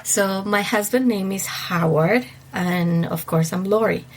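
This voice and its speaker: A woman from Ecuador with an Ecuadorian Spanish accent, a native Spanish speaker, chatting as a podcast guest, slightly stuffy from allergies, warm and full of fillers and laughs. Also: medium pitch, unhurried. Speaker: guest, wedding planner. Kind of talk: casual podcast interview.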